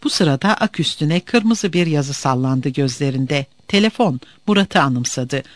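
Guy reading a novel out loud, dramatic, dry studio sound. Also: a little high, unhurried, dry recording. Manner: expressive, dramatic. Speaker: narrator.

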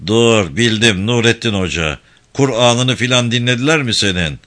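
A man's voice: medium pitch, normal speed, a bit bright, lightly acted. A man voicing a coarse, threatening young male senior student who barks and scolds in an audiobook. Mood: bullying. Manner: gruff, barking and scolding. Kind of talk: audiobook character voice.

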